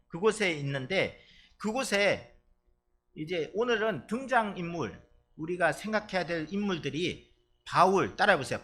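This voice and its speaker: A male pastor from Chungcheong, Korea preaches in a church sanctuary, his voice on the higher side and fairly bright. He keeps things chatty and playful with the congregation.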